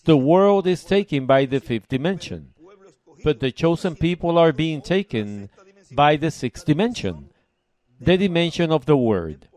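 A man from Puerto Rico preaching a sermon, reading passages aloud and explaining them in short, deliberate phrases. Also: fairly high pitch, animated, darkish tone. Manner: measured, emphatic, pauses between short phrases. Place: church service.

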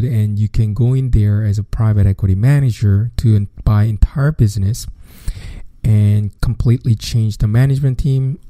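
Low, mellow-voiced man explaining finance. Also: no echo, studio quality. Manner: steady, methodical explaining with simple repeated phrasing. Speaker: podcast host. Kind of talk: explanatory podcast lecture.

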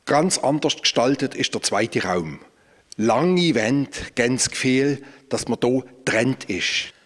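A man's voice: medium pitch, lively intonation, slow pace, fairly bright tone. Man, forties, museum director, explanatory tour talk, handheld mic, exhibition hall. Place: large indoor exhibition hall. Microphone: handheld microphone.

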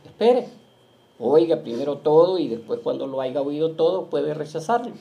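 A male pastor preaching to his church, often checking in with the congregation and slowing down to read scripture aloud. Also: on the high side, expressive, vocal fry. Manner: keeps asking the flock "¿verdad?"; reads scripture slowly and loudly. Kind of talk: Pentecostal-style sermon. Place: church in Las Vegas.

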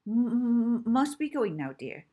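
A woman's voice: a little high, very animated, a little slow, warm tone, husky, voice pushed up, exaggerated voice. A woman voicing a kind, elderly female caretaker who stutters and fusses affectionately, reading aloud from a storybook. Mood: fretful, fond.

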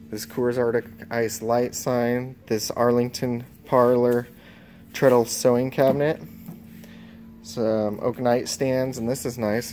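A man's voice: medium pitch, a little mellow, a little hiss or hum. A man giving a casual walkthrough preview of items at an auction warehouse, filmed on a handheld phone. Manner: unhurried, casual item-by-item commentary. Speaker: auction house preview host. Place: large indoor warehouse auction floor. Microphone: handheld phone camera.

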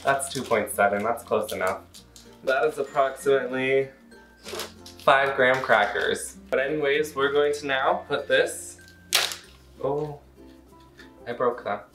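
A young American cooking show host goes through a recipe in his kitchen a little slowly, pausing often, his mid-range voice fairly bright and laced with playful self-deprecation. Soft music plays underneath, and the camera mic a few feet away picks up roomy echo.

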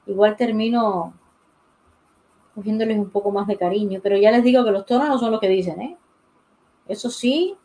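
Streaming a live drawing tutorial, this woman talks casually while sketching, musing aloud and saying hello to viewers by name. She speaks at a medium pitch and moderate pace with long pauses and a dark tone. The low-quality recording comes from a desk mic next to the pencil sharpener.

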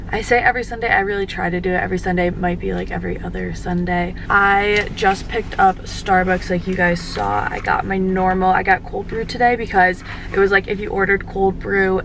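A college woman in her twenties chatting to a camera from her parked car, rambling along with plenty of fillers. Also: medium pitch. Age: 20s. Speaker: college student vlogger. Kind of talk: casual chat to camera. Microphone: camera on dashboard. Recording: car with clear background noise.

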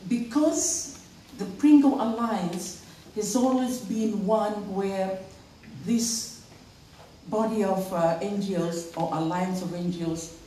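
A woman giving formal panel remarks, slow and halting, with many fillers. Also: medium pitch, dark tone. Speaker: panel speaker for a women's NGO. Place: event hall. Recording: echoey hall, distant mic, faint noise.

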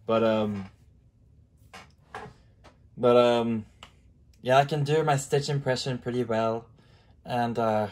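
A man's voice: mid-range voice, darkish tone. Man, streamer host, casual chat, rambling, lots of fillers, video chat mic. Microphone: video chat computer mic.

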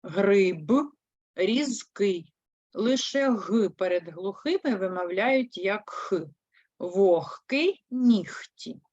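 Female grade-school teacher, very slow and deliberate delivery, dull dry lo-fi recording. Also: fairly high pitch, darkish tone, no echo. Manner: slow, spelling words out syllable by syllable; patient, explaining step by step. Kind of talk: third-grade language lesson.

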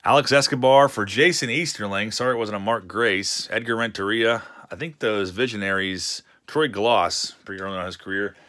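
A man's voice: lowish voice, fairly quick, hardly any pauses, fairly bright tone. A man, casually chatting with a live-stream chat while opening card packs at a home desk. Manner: chatty, reads chat messages aloud with laughs.

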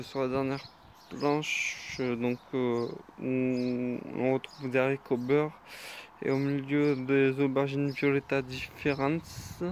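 A man giving a casual tour of his vegetable garden, talking in an unhurried, hesitant way with many fillers. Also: medium pitch, a little mellow, a little hiss or hum.

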